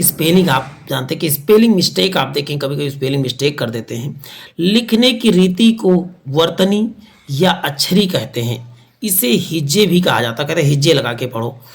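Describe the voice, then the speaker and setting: Man, fairly high voice, gravelly texture, energetic teacher, emphatic repetition. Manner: energetic, emphatic, repeats points. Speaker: Hindi grammar teacher. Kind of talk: online exam-prep lesson.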